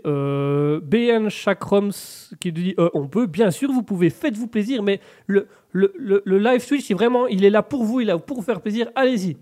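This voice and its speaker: A man whose voice sits high and a little mellow sounds stuffy and congested from a cold as he cheerfully hosts a live radio and Twitch show. He reads viewers' chat comments aloud, with lots of restarts.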